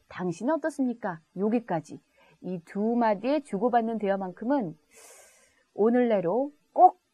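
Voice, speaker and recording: A woman teaching beginner English, upbeat and encouraging, sounding out English phrases slowly and clearly. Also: medium pitch, mellow, dry recording. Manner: upbeat, encouraging, switches between Korean and careful slow English.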